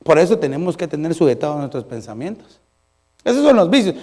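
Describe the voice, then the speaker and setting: A middle-aged male pastor, preaching a sermon with animated storytelling and humorous asides. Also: a little high, fairly quick.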